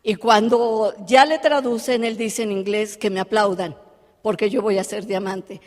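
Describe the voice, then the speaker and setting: A woman giving a live motivational talk, telling her story with lively animation and acting out the dialogue. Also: mid-range voice, unhurried. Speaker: motivational speaker. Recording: long hall reverb.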